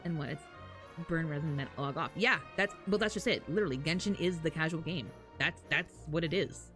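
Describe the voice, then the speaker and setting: Speaking fairly quickly in a low-pitched voice, a woman streams games and chats casually with viewers. She's animated, swears now and then, and chuckles as she talks, over faint game music and character voice lines.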